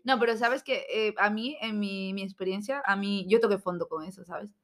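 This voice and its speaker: A woman's voice: mid-range voice, moderate pace. A woman in casual chat as a podcast co-host, joking with dry asides and frequent tag questions.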